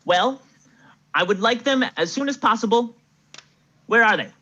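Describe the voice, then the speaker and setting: A woman playing a grumpy, bored king who whines and complains, with a husky voice. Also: fairly high pitch, lively intonation, moderate pace, a bit bright. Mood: sulky. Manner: whiny, sulky complaining. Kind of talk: improvised comedy acting. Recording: dull lo-fi recording.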